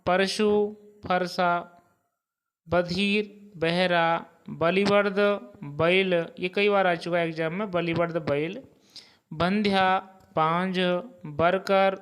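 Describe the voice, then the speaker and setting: Male teacher drilling word lists, very slow and measured, smooth clear voice. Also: sits high, fairly even intonation, a bit bright. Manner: slow, deliberate recitation of vocabulary lists with pronunciation reminders. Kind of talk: Hindi grammar lesson, reciting word pairs.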